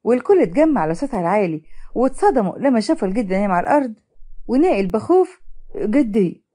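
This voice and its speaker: Brisk Egyptian woman storyteller. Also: a little high, very animated, mellow. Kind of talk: storybook narration.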